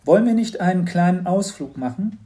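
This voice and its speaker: A man voicing a warm, caring mother who speaks gently and coaxingly in a children's audiobook. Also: high-pitched, lively intonation, a little fast, voice pushed up. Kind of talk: audiobook reading.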